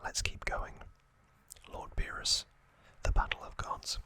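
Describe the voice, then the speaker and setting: In a breathy, unvoiced whisper, a man hosting ASMR offers a hushed recap, moving slowly through short phrases.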